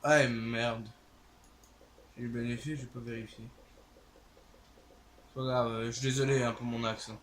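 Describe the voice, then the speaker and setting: Speaking at a normal pace with frequent pauses, a gaming channel host offers let's play commentary in a Québécois French accent. His mid-range voice is level and fairly bright, and his hesitant, filler-heavy musings come over slight background noise.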